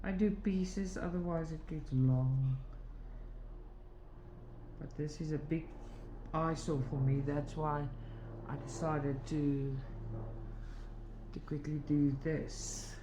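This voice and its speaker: A woman's voice: deep voice, steady tone, slow, long pauses. A woman hosting a cross-stitch channel from her home, chatting casually while she stitches, rambling through asides and laughing often. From South Africa. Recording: roomy echo, faint background noise.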